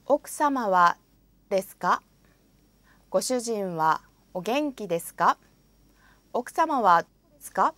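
A woman records example phrases for a language course in a studio, pronouncing each one carefully and deliberately and then saying it again. Her voice is medium-pitched, expressive and fairly bright, with no echo.

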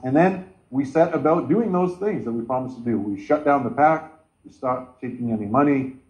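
A man's voice: medium pitch, normal speed, darkish tone. Guy in his 40s on a video call, earnest, muffled lo-fi audio. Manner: earnest, gesturing with both hands. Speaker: caucus meeting chair. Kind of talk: online meeting remarks. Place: home room with bookshelves. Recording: dull lo-fi sound from a laptop.

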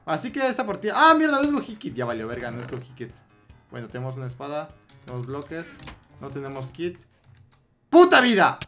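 A young man with a Mexican accent giving excitable gameplay commentary, swearing and repeating words in rapid bursts. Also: medium pitch, faint music behind. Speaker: Minecraft gameplay YouTuber.

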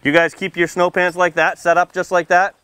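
A firefighter addresses a small group of seated children outdoors beneath a tent canopy by a building, giving a simple, interactive safety talk. His high-pitched voice is brisk, smooth and sharp with little pitch movement, and he teases playfully, asks many questions, and keeps checking in with "okay" and "right."

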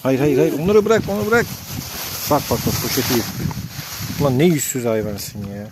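A man's voice: medium pitch, big pitch swings, moderate pace. A man vlogging while feeding dogs outdoors, giving firm commands to the dogs and casual asides to his viewers. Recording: noisy outdoor recording.

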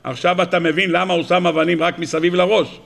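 A middle-aged rabbi teaches a Torah lesson in a high, bright voice. Gravelly fry runs through his speech. He tells stories with animation and keeps turning to his listeners with rhetorical questions. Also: level tone.

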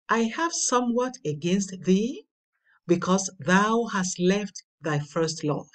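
Slow, lively-voiced woman reading a devotional. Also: mid-range voice, far from the mic. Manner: slow, deliberate reading with emphatic swells. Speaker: devotional reader. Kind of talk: slow read devotional with scripture.

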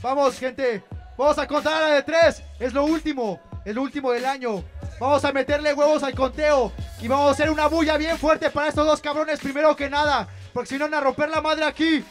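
A man hosting a live rap battle, loudly rallying for cheers and calling time. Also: very high voice, fairly even intonation, fairly quick, faint music behind. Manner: loud, rallying, calls for noise. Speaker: battle host. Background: hip hop beat.

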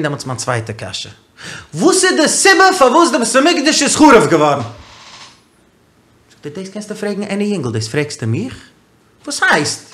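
A man talking as a podcast guest, telling a story in a casual, animated way and asking a lot of rhetorical questions. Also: very high-pitched. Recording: roomy echo.

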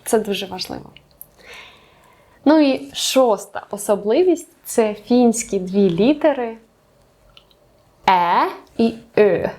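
A woman teaching a beginners' language lesson, explaining patiently and slowing down for examples. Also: on the high side, lively intonation, warm tone. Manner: patient, clear explanations with slow spelled-out examples.

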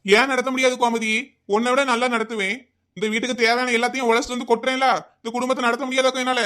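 A man's voice: very high-pitched, little pitch movement, rapid-fire, sharp tone, smooth. A man voicing a scolding, complaining middle-aged village husband in a cartoon comedy, with a Kanyakumari Tamil accent.

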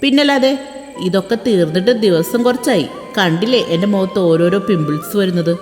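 A woman's voice: mid-range voice, brisk, natural voice. A woman voicing an earnest, eager young wife who pleads and fusses, in a storybook voice reading. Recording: echoey room with soft background music.

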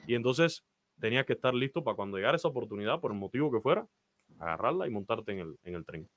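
Speaking quickly in a sing-song, mid-range voice on a dry recording, a Cuban baseball announcer in his thirties is interviewed over video call from a small room. With his Cuban Spanish accent, he earnestly walks through his career, hands out advice, and frequently drops in "eh."

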